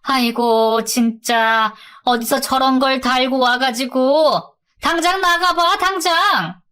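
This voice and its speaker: An exasperated middle-aged mother , put on by a woman narrator, scolding loudly in a high, strained voice. She nags without pause, sharp and fed up, as in a spoken storybook. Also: clean tone, exaggerated voice. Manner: shrill, nagging scolding.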